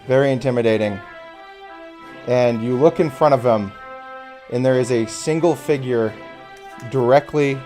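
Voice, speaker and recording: A man's voice: medium pitch, darkish tone. A man narrating as game master of a tabletop game, with an easygoing, chatty manner. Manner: easygoing, chatty, with quick laughs between narration.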